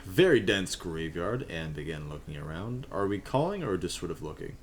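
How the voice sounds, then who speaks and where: A man with a deep voice runs a tabletop game, describing scenes loosely and with lots of fillers. He sounds unscripted and easygoing. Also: big pitch swings, moderate pace. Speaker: game master.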